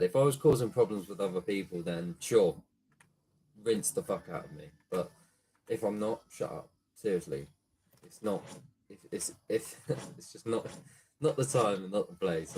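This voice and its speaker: A man's voice: low voice, darkish tone, rough recording. A young man, a small gaming YouTuber, ranting casually to camera with lots of swearing and fillers. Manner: swears a lot, rambling with many fillers.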